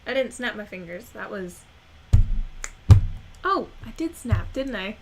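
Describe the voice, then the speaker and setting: A woman's voice: mid-range voice, animated, unhurried, over loud music. A woman chatting casually on a stream, laughing often and cooing at her dog in a sing-song voice. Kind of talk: casual chat while showing crafts and playing with her dog.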